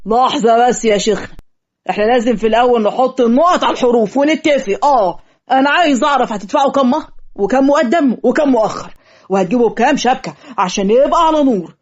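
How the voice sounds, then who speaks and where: A woman's voice: on the high side, fast talker, natural voice. Woman voicing a haughty old bride's father. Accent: Egyptian. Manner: haughty, bargaining. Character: proud older father of the bride, demanding. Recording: lo-fi muffled audio.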